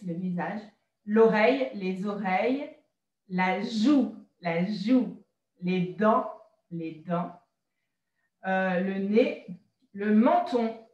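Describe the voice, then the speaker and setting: A woman teaching vocabulary slowly, repeating each word and adding short hesitant asides. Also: medium pitch, echoey room, low-quality recording. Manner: repeats words twice, adds short asides and hesitant fillers. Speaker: French teacher.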